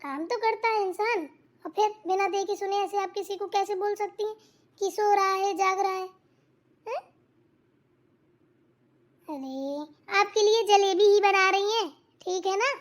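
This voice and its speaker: A woman's voice: extremely high pitch, voice pushed up. A woman voicing a bossy, meddling young sister-in-law in a cartoon, giving orders and advice. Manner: quick, bossy, advising. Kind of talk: cartoon voice acting.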